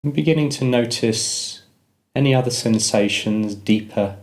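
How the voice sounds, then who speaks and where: A man with a mid-range voice narrates a guided meditation, giving gentle, measured instructions and pausing between phrases.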